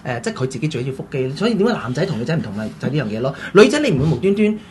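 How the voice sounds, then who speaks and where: An animated show host speaks quickly in a Hong Kong Cantonese accent, with pitch swinging widely. The delivery is chatty and repeats phrases for emphasis. There is noticeable noise behind the mid-pitched voice. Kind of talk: lively casual show commentary.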